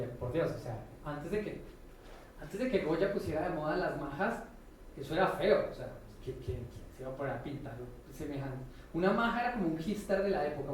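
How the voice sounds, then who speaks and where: A Colombian professor gives an informal conference talk, colloquial, slangy and irreverent, often checking in with short tag questions. His voice is on the high side and a little mellow. The recording is echoey, with a distant mic and faint noise.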